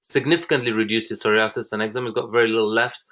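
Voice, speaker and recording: A man's voice: on the low side, steady tone, racing, fairly bright tone. A man in his thirties, from the United Kingdom, presenting a fitness program with enthusiasm and frequent fillers like "uh" and "um". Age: 30s. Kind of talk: presentation talk.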